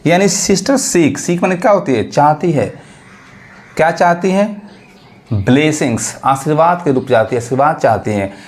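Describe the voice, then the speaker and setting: A man teaches English vocabulary. He keeps asking questions, answers them himself, repeats each word and reads the example sentences slowly. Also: fairly high pitch, lively intonation. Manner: repeats words and translations. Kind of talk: classroom-style vocabulary lesson.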